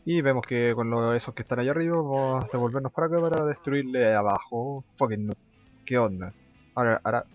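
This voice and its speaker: A young man, excitedly commentating a strategy game and dropping English gamer slang and curses. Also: mid-range voice, fast talker, lo-fi sound, faint music behind. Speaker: gameplay commentator.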